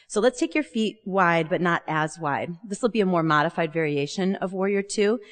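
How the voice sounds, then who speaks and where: A woman yoga teacher giving explanatory, step-by-step spoken instruction on a pose. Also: lowish voice. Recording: reverberant hall-like room.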